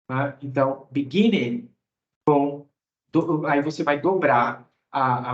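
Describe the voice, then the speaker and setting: Brazilian male English teacher, raised voice, explanatory and patient, roomy lo-fi recording. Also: a little high. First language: Portuguese. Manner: explanatory, checks in with "né?" and "tá?". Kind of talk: explaining grammar lesson. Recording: roomy, dull lo-fi sound.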